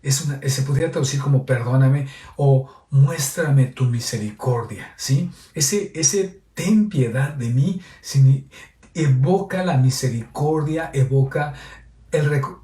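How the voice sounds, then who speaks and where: A man's voice: medium pitch, a little slow, dark tone. A priest giving a homily on a Gospel reading in a teacherly way, often checking in with his listeners. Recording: echoey, voice heard from a distance.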